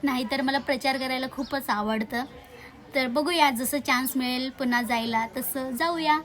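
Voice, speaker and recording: A woman's voice: high voice, normal speed, a bit bright. A young woman from Maharashtra, India, chatting in a casual village vlog, talking to her viewers and cheering on and scolding her animals. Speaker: vlogger.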